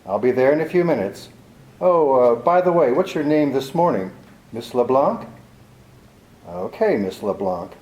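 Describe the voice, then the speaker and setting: A man's voice: medium pitch, big pitch swings, a little slow, darkish tone, slight background noise. A man playing a cynical, tough private detective with a wry, clipped, world-weary delivery, in 1940s radio drama style, in a roomy recording.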